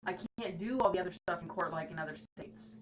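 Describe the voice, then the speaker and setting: Vlogger, woman, earnest and frank, lower voice, noisy recording. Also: fast talker. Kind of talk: personal talk to camera. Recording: noticeable background noise.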